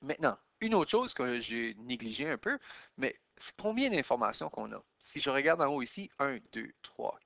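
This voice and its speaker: A man's voice: mid-range voice, vocal fry. Québécois man teaching a math lesson. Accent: Québécois French. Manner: counting out loud step by step while writing.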